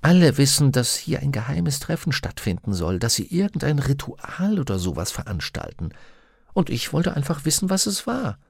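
A man's voice: medium pitch, sing-song, moderate pace, creaky, darkish tone, slightly rough, no room sound, voice pushed up, exaggerated voice. A man voicing a stubborn, curious young girl who talks in a defiant, eager way.

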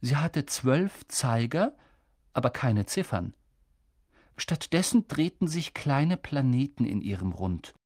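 A male audiobook narrator reading a fantasy tale with a lively, rising and falling voice. His tone is a little husky, and the recording is close and dry. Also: medium pitch, takes it slowly, dry recording. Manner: expressive, varied storytelling delivery. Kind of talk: scripted narration.

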